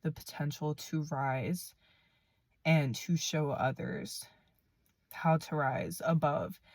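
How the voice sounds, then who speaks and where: A woman giving a gentle, affirming spiritual reading to camera, her voice a little rough from being sick, with frequent fillers and soft laughs. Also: deep voice, steady tone, slow pace, dry recording. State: voice a bit rough from illness. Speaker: spiritual card reader. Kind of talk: channeled collective reading to camera.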